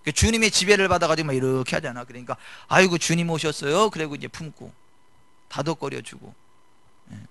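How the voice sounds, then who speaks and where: Male pastor, sermon, bright forceful voice, fairly high pitch, chatty preaching. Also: lively intonation, fast, gravelly, no echo. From South Korea. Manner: conversational preaching with swings from loud to hushed.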